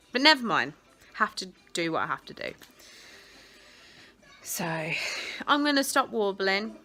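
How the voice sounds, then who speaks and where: A woman with a medium-pitched, pushed and bright voice vlogs casually at home, recorded on a phone camera clipped to a window ledge. She's chatty and rambling, breaking off mid-thought and interrupting herself.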